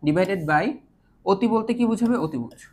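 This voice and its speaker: At a moderate pace, a woman with a darkish mid-range voice teaches a math lesson online, with a little hiss or hum in the audio. She uses English math terms along the way and patiently keeps asking if her students are following.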